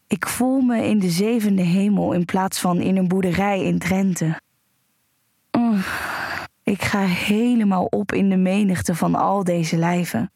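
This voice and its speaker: A woman narrating a first-person erotic audio story in a slow, breathy, sensual way, with soft moans between sentences. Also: mid-range voice, no echo, clean studio sound.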